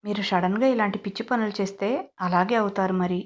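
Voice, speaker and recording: A woman voicing a shy, bashful young bride who speaks softly. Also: medium pitch, steady tone, a little fast, dull audio, close to an everyday voice. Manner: soft, bashful.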